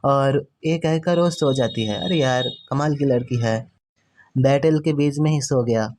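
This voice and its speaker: A man's voice: medium pitch, measured pace, darkish tone. A man casually narrating and explaining a story chapter by chapter, reading the characters' lines in his own plain voice.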